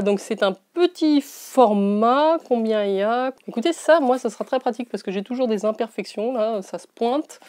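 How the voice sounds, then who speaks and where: A woman's voice: fairly high pitch, darkish tone, dry recording. A woman beauty vlogger chatting casually while unboxing, rambling with frequent hesitations.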